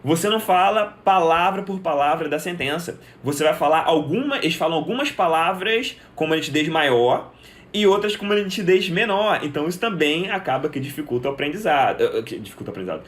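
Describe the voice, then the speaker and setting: A young man leads a live lesson, his voice pitched slightly higher than most men's. He explains patiently and step by step. He keeps posing questions and then answering them himself. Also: lively intonation, quick pace, a bit bright. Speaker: English teacher.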